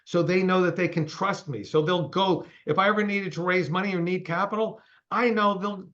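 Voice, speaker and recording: A man's voice: high-pitched, steady tone, normal speed, a bit bright, dull audio. A man in his sixties, a company CEO, giving a straight-talking, emphatic interview over a call. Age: 60s.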